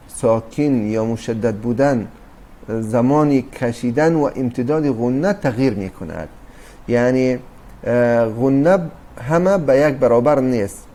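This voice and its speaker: Mellow-voiced man teaching recitation. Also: medium pitch. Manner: patient explaining with many fillers and restarts; addresses listeners as dear brothers and sisters. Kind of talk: recorded tajweed lesson.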